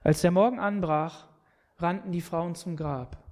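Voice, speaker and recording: A man's voice: high-pitched, steady tone, unhurried, darkish tone. A man preaching a sermon, retelling a scripture story and speaking earnestly, often repeating words as he presses his point.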